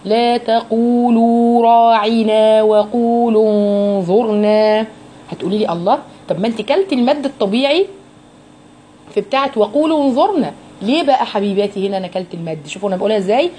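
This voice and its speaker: A woman's voice: a little high, darkish tone, a little hiss or hum. A woman with an Egyptian accent teaching a Quran recitation lesson to women. She explains each rule patiently, asks her students questions and models every sound. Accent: Egyptian Arabic.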